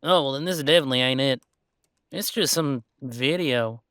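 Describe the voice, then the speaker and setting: A man voicing a chatty, folksy, excitable underground computer technician in an audio role-play, rambling along in an animated way. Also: mid-range voice, normal speed, clean tone, no echo, studio quality, lightly acted. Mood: curious, helpful.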